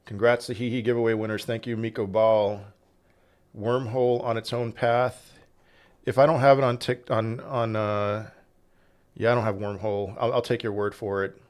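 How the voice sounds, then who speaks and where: A man from Portugal hosts a casual crypto livestream on a desk microphone, reading chat questions aloud and answering them in a rambling way with frequent restarts. His voice is on the low side, level and smooth, at normal speed.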